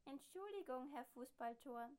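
Storybook figure: cheeky talking coffee machine, squeaky and loud, a woman doing it. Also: lively intonation, moderate pace. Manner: high, loud, mangles words.

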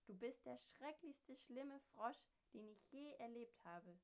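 An old hermit man from a storybook, put on by a woman reading aloud. He speaks low and slowly, with a weighty calm that can swell into a roar. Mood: furious.

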